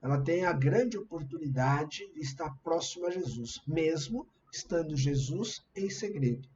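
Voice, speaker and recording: Brazilian pastor preaching, muffled stream. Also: male voice, a little high, lively intonation, moderate pace, darkish tone, a little hiss or hum. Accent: Brazilian Portuguese. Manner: conversational, explanatory, shares screen slides. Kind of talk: sermon.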